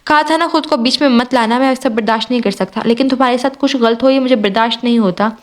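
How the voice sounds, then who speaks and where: A fiery young husband from an audio novel, sharp-tongued one moment and tender the next, as a woman reads him. The voice sits fairly high. Delivery stays close to plain storytelling. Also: natural voice. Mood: angry. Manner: scolding through gritted teeth, then doting. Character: young man, hot-tempered but tender husband.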